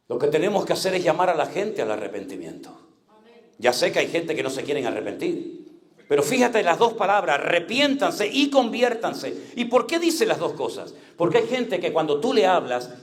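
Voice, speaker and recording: A male pastor with a Canary Islands Spanish accent, preaching a sermon with dramatic swings between loud cries and hushed low tones. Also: roomy sound.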